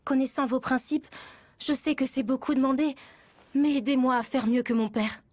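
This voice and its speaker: A woman's voice: high voice, moderate pace, a little mellow. A woman voicing an earnest young princess in an anime dub, speaking formally.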